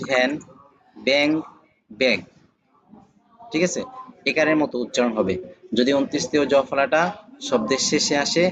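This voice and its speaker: A man teaching a lesson on conjunct letters, patiently repeating each example word slowly. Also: mid-range voice, dull audio. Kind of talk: classroom lesson on Bengali spelling.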